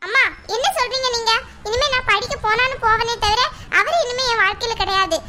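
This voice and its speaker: A woman's voice: extremely high pitch, fairly even intonation, a little fast, background noise. A woman voicing a proud young divorced daughter who speaks firmly and reassures her mother, in a cartoon. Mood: defiant. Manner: firm, reassuring. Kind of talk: cartoon voice acting.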